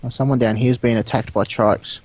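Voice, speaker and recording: A man's voice: medium pitch, fairly even intonation, brisk, a little mellow, no echo. A man with a broad New Zealand accent, chatting casually and in matey slang while playing a game. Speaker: gamer hosting a let's play. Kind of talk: casual chat during gameplay.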